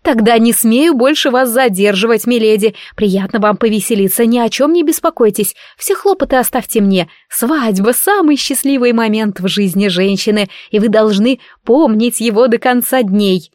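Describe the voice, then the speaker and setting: Perky fussy wedding planner lady, high and keen, woman doing the voice, dry. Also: normal speed, few pauses, darkish tone, no room sound, close to an everyday voice. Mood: eager, obliging. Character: eager, fussy female wedding organizer.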